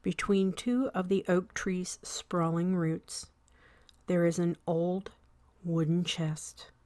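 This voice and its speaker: A woman's fairly low, steady voice leads a scripted guided meditation with no room sound. Soft and soothing, she paces herself carefully, pausing at length between short phrases and often trailing off almost to a whisper.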